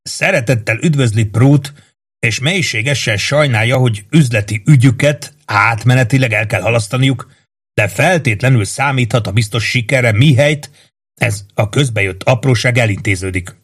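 In an audiobook character voice, a man with a husky, mid-range voice plays a wiry young male prisoner. The character whispers slyly and conspiratorially, grinning and chuckling as he speaks.

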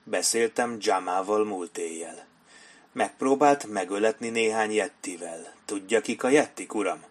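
A male audiobook reader voicing a gruff soldier who speaks in a blunt, coldly threatening way. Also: on the low side, lightly acted. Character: gruff, cold, menacing soldier. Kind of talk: audiobook character voice.

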